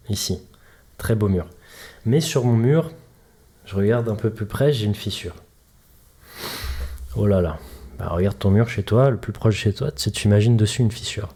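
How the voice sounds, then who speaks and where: This man's voice is fairly low, dark, and husky as he hosts his easygoing solo podcast about mobility coaching. Joking and chatty, he talks straight to the listener, using homely analogies to explain things.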